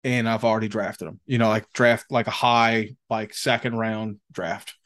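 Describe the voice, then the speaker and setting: A man's voice: lowish voice, little pitch movement, moderate pace, fairly bright tone. A man co-hosting a podcast in casual chat, rambling and slangy, with plenty of swearing. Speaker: podcast co-host.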